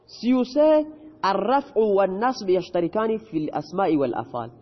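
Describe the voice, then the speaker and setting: A man's voice: high voice, sing-song, highs cut off. Man teaching grammar in an echoey room. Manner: explains, then repeats questions and answers himself. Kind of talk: Arabic grammar lesson.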